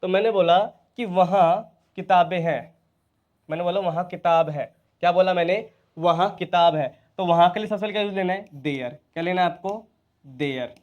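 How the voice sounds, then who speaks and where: Male teacher, Hindi accent, high-ish voice, drills students with repeated questions. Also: moderate pace, highs cut off. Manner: repeats questions to students and answers them himself. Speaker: English teacher. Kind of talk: spoken English lesson in Hindi.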